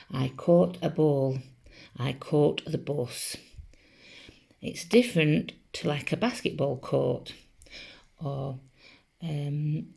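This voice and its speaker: A woman's voice: low voice, creaky, mellow, slightly rough. A woman teaching a spelling lesson to children, patiently sounding out each letter. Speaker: primary school teacher.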